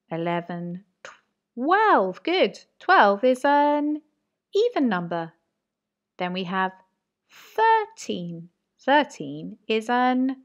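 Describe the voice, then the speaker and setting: A woman teaching a maths lesson to young children, talking slowly and encouragingly in a sing-song way. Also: mid-range voice, dull audio. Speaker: reception teacher.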